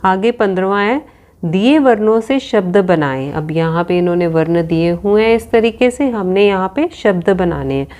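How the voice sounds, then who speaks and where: A woman's voice: medium pitch, normal speed, a little mellow. A woman teacher working through a worksheet with children, reading out options and spelling words letter by letter.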